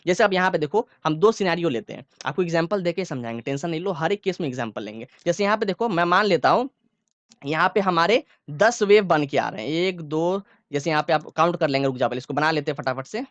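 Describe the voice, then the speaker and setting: Brisk male science teacher, dry sound. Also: sits high, dry recording. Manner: explains step by step, often asking students if they follow. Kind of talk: classroom lecture.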